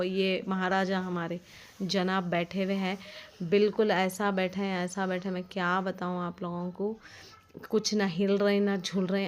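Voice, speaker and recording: A young woman, vlogging in a rambling, complaining, chatty way with lots of fillers. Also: mid-range voice. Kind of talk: casual vlog narration.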